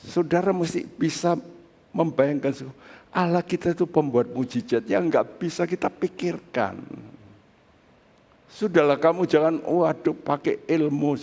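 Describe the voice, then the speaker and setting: A man's voice: fairly high pitch, a little mellow, big-room sound. A man preaching a sermon as pastor, talking in a conversational way and speaking straight to his congregation. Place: church sanctuary.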